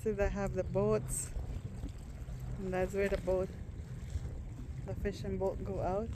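Out on a rocky seaside beach, a woman vlogs her travels through a camera in her hand, chatting with casual eagerness and bursting into exclamations often. Her mid-range voice barely shifts in pitch and stays slow. Lapping water and outdoor noise fill the recording.

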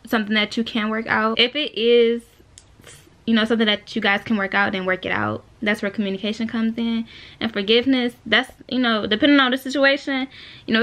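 A woman's voice: fairly high pitch, fairly bright tone. Chatty young woman vlogging to camera. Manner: chatty, laid-back, lots of "like" and "you know". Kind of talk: casual Q&A vlog to camera. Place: small bedroom indoors. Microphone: camera at arm's length.

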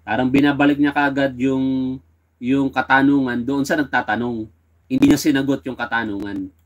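A man's voice: mid-range voice, steady tone, normal speed. Man chiding in casual commentary. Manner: conversational and chiding, with rhetorical questions. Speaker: political commentator.

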